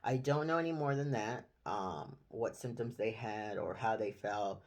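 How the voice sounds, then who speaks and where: A man in a casual personal vlog, telling his own story in a halting, rambling way with many restarts, recorded on a phone indoors. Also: fairly low pitch. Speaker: vlogger. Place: indoor room.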